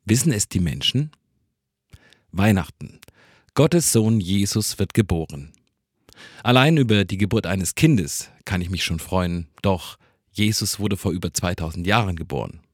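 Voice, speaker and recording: A man giving a calm, reflective Christmas sermon. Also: low voice, a little slow, dry recording, studio quality. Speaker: preacher.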